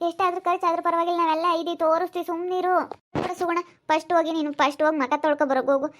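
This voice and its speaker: A woman with a very high voice speaks very fast in a steady tone, voicing a bossy but caring older female relative with a rural Chitradurga Kannada accent. She is firm and insistent, repeating her orders again and again, yet the mood is soothing.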